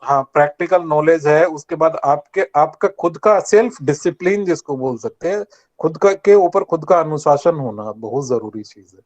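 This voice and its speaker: On a dull lo-fi online call, an older Rajasthani man speaks on the high side, expressively and at normal speed, with a darkish tone. A guest speaker at a college workshop, he earnestly motivates the students and asks them to answer back.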